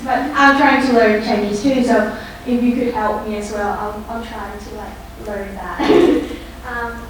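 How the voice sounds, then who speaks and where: A woman's voice: fairly high pitch, steady tone, unhurried. A young woman from Thailand hosting a cultural class, friendly and hesitant with many fillers. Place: large lecture room. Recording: very echoey room, distant mic, faint hiss.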